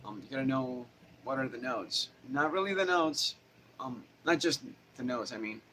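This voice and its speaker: A man's voice: mid-range voice, expressive, normal speed, pushed and bright, a little hiss or hum. Chatty man teaching guitar live. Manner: rambling, self-correcting, chatty. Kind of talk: casual live-stream guitar lesson. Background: guitar playing.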